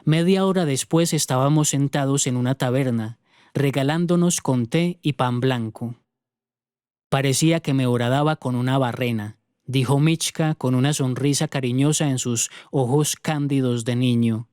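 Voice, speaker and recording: A man reading a short story aloud in a calm, even storytelling manner. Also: mid-range voice, normal speed, clean tone, dry recording, clean studio sound. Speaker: narrator.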